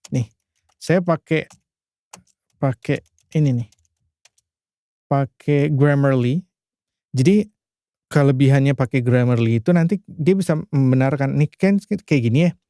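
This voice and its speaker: A man's voice: fairly high pitch, dark tone, no room sound, clean studio sound. A man from Indonesia teaching English in a casual, chatty screen-share lesson, with loose phrasing and frequent restarts. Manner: chatty, loose, many filler tags and restarts. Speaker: English tutor.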